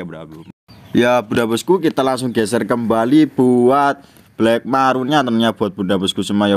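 A man sells plants in a casual pitch. He keeps up a repetitive patter, circling back over names and prices as he presents his stock. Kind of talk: casual live-style sales pitch.

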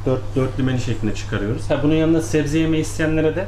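A middle-aged man from the restaurant explaining the menu in a TV interview, halting with restarts. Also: a little high, dark tone, echoey room, slight background noise.

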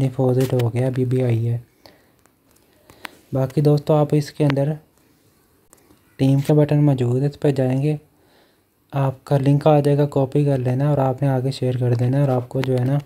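Over a phone screen recording, a male online-earning channel host explains an app step by step, going over the directions more than once. His voice is medium-pitched and mellow, with slight background noise.

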